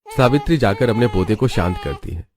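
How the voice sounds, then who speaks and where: A man giving scripted, even narration for a cartoon story. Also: on the low side, a little fast.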